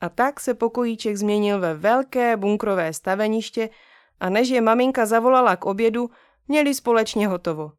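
A woman narrating a children's storybook aloud in a gentle, unhurried way. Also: a little high, clear, resonant tone, no echo, studio quality.

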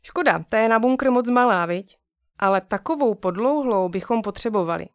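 A woman reading a soft-spoken patient dad. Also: a little high, no room sound. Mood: gentle. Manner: calm, soothing, kindly questioning. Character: gentle patient young father comforting son. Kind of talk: storybook reading.

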